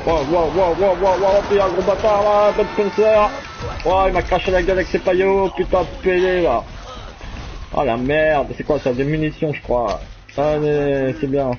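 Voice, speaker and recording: A man's voice: high-pitched, normal speed. A man giving live commentary on a horror shooter he plays alone, swearing constantly and repeating words in panicked bursts. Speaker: gamer playing solo. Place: at home at a game console. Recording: dull lo-fi sound with loud game noise.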